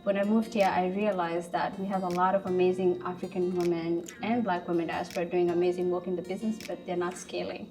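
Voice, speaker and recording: A woman's voice: lowish voice, flat delivery, rapid-fire, hardly any pauses, warm tone, soft background music. A woman, telling her story earnestly as an interview guest. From Tanzania. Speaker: guest, business alliance founder.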